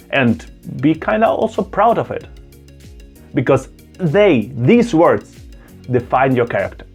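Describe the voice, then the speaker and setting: Speaking in a mid-range voice with a darkish, slightly rough tone, a male YouTuber delivers a direct-to-camera opinion vlog indoors. English isn't his first language, which isn't German either; he comes from a Russian-speaking background. He talks earnestly and emphatically, going back over phrases to stress them.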